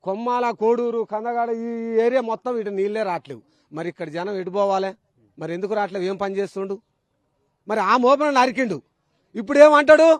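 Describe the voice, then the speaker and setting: A man's voice: high voice, fast, no echo. A man with a Telangana Telugu accent, speaking in a news interview in a heated, rhetorical way with repeated phrases.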